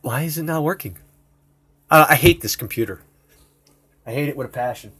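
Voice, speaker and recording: A man's voice: a little high, a little fast, slightly rough. A man rambling and swearing casually as he shares his computer screen in a home video. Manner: rambling, profane, excitable. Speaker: video host.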